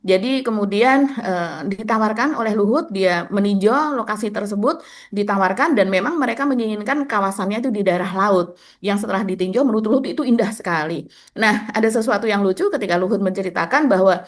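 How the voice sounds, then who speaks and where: A woman co-hosting a political talk show, retelling news reports in a measured way with many hesitation fillers. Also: medium pitch. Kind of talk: political commentary discussion.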